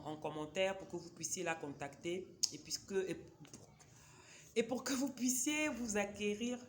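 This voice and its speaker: Talking casually about book recommendations, a woman vlogger with a fairly low pitch chats and digresses while addressing viewers directly. There is a little hiss or hum, and her first language is a Cameroonian local language.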